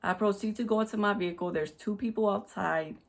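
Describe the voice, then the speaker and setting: A woman's voice: mid-range voice, fast talker, creaky. A woman vlogger retelling a work story to camera, emphatic and repetitive with frequent restarts, recorded at home on a USB desk mic. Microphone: USB desk microphone.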